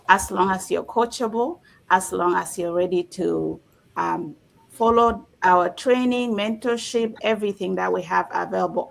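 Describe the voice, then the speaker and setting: A woman with a gravelly, creaky edge to her voice hosts a casual live stream. She talks in a relaxed way and pauses now and then with fillers. Her pitch sits mid-range. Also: rough recording. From Canada. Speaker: host of a live stream panel.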